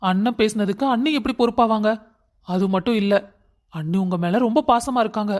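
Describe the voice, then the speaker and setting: A man voicing a calm, reassuring young husband who explains family matters in a cartoon story. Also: sits high, brisk, natural voice.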